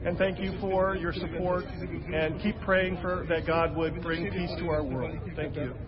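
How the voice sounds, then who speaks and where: A man working as a missionary, reporting from a camp outdoors in a halting way with many fillers. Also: a little high, fairly even intonation. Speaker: missionary aid worker. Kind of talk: on-site report. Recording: muffled outdoor field recording. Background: loud crowd.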